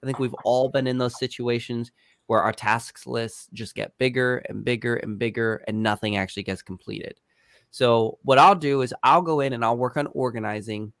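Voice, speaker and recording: A man's voice: medium pitch, steady tone, normal speed, fairly bright tone, no echo. A man hosting a casual team meeting, easygoing and upbeat, laughing often.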